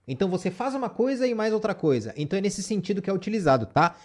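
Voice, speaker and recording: A man's voice: sits high, darkish tone. Chatty man teaching a lesson. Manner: explanatory, repeats "tá?" and "né?" checks. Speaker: Japanese teacher. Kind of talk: casual spoken lesson.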